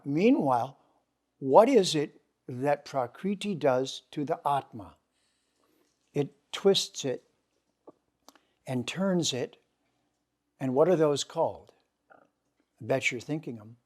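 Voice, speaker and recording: A man's voice: fairly high pitch, darkish tone. Man lecturing, asking and answering himself. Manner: emphatic, asks questions and answers them himself, slows for key words. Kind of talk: lecture to a seminar group.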